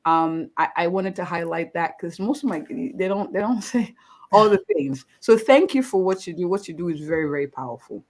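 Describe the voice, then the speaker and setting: A woman's voice: on the low side, expressive, normal speed, darkish tone. A woman physician hosting a live-streamed interview, upbeat and effusive, often repeating words of praise. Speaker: host, family physician.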